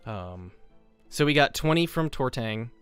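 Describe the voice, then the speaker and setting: A man's voice: mid-range voice, expressive, measured pace, a bit bright, clear, resonant tone, no room sound, soft background music. A man narrating and voicing characters as game master of a tabletop game, hesitant with many ums and restarts.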